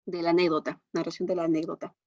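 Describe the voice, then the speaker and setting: A woman's voice: fairly low pitch, little pitch movement, fast, very noisy. A woman teaching a class, speaking patiently and often checking that her students follow with short questions. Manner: patient, checks understanding with frequent tag questions. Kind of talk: online class instruction. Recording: dull, muffled lo-fi class recording.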